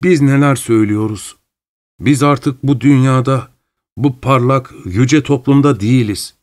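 A man reading an audiobook, voicing a fawning middle-aged widower who speaks in a shrill, affected, theatrical way. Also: measured pace, lightly acted. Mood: gushing. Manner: gushing, theatrical, overly familiar.

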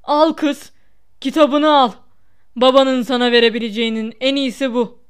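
A woman reading aloud as Lucius Malfoy, a haughty, sneering wizard aristocrat, in a clear, slightly lower voice. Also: steady tone, normal speed, natural voice. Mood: spiteful. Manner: sneering, mocking.

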